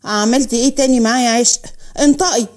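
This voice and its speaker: A woman reading a storybook gives voice to a hot-tempered young man with an Egyptian accent, jealous and menacing. The voice stays mellow and fairly high, but the threats come hard and cold. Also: fast talker, natural voice. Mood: threatening. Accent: Egyptian Arabic.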